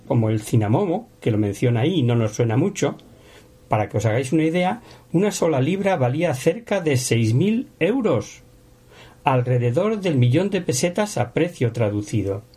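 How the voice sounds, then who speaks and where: A man's voice: mid-range voice, mellow, slightly rough. A man teaching a Bible lesson, explaining the text in a conversational way with rhetorical questions.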